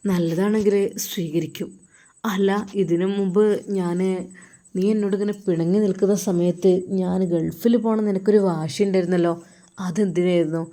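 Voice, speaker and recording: A woman voicing a young male madrasa teacher with a Malappuram accent, who talks calmly and asks plain questions. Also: lowish voice, moderate pace, natural voice. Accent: Malappuram Malayalam.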